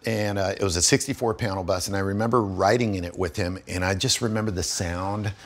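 A man's voice: low-pitched, steady tone, fairly quick. A man in his forties, from Guatemala, a garage owner telling his story in a friendly, enthusiastic, casual interview inside a large garage. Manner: enthusiastic, friendly, lots of fillers. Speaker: garage owner, vintage bus restorer. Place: large indoor garage full of old buses.

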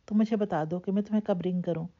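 A woman's voice: medium pitch, fairly even intonation, mellow, close to an everyday voice. A woman narrator voicing an anxious young man who tries to reassure, on a dull lo-fi recording. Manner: anxious, then soothing.

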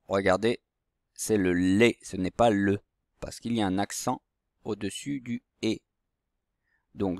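A man teaching young children handwriting step by step, in a slow, patient way. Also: lowish voice, no echo, clean studio sound. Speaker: primary school teacher.

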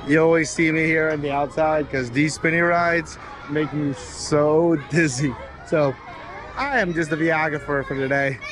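A man's voice: a little high, fairly even intonation, normal speed. Chatty man vlogging outdoors. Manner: chatty and upbeat, narrating while walking. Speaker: family vlogger. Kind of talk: casual walking-tour vlog. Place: outdoors at a zoo. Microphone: camera held at arm's length. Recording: outdoor noise.

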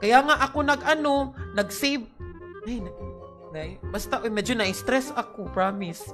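A woman's voice: on the high side, a little slow, music in the background. A young woman chatting casually on a game stream, greeting viewers by name with sudden shrieks, tired and with a headache. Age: young adult. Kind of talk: casual live-stream chat.

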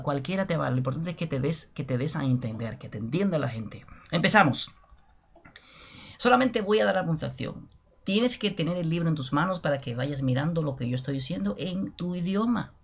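A man teaching an English lesson in a motivational way, often repeating phrases, calling the listener "champ" and slowing down to model pronunciation. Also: a little high, lively intonation, creaky, slightly rough.

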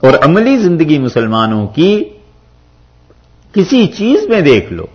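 A man's voice: fairly high pitch, slow pace, slightly rough. A male preacher giving a sermon, quoting scripture verses and explaining them with rhetorical questions. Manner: lively, rhetorical, quotes Arabic verses then explains. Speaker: mufti preacher. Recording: dull lo-fi recording.

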